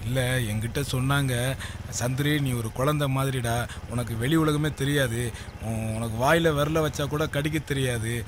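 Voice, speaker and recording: An actor playing a cocky, boastful young man who jokes and bosses others with brash shouts. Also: mid-range voice, normal speed, a little hiss or hum, lightly acted. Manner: brash, joking, bossy shouts. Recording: film soundtrack with loud music.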